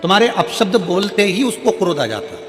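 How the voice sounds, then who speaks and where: A man's voice: high voice, sing-song, a little fast, fairly bright tone. A man from central India preaching a devotional sermon to a live crowd, repeating each point and asking the listeners questions. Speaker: religious storyteller. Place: large live religious gathering. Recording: long reverb from a large venue PA with music behind.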